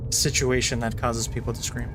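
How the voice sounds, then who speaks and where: A man's voice: medium pitch, flat delivery, brisk, noisy background. A man hosting a gaming video with casual commentary and wry, joking asides. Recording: game music behind.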